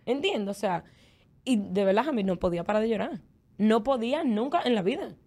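A young adult woman with a Dominican Spanish accent, co-hosting a casual chat and telling candid, expressive stories. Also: on the high side, brisk. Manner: candid, expressive storytelling with lots of fillers. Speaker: podcast co-host.

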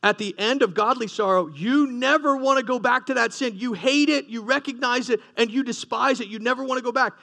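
A man preaching a sermon in a high, gravelly voice. He speaks with a bright, cutting edge and keeps firing rhetorical questions at his listeners. He often restarts and repeats his phrases. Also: a little fast, few pauses. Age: adult, past his teens. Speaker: pastor.

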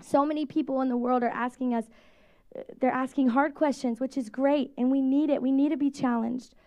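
A woman in her thirties, a pastor, giving a conversational, animated sermon to a congregation. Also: sits high, fairly quick. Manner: conversational, animated preaching with quoted voices.

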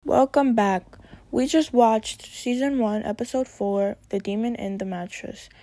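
A young woman with a mellow voice on the high side hosts a casual conversation, speaking a little slowly. She chattily paints a vivid picture of her fears and a cartoon, with faint music in the background.

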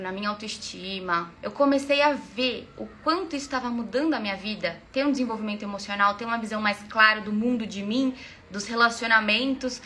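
A woman coach with a Brazilian Portuguese accent, telling a personal story to followers in a live online talk, animated and addressing them directly. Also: a little high, a little hiss or hum.

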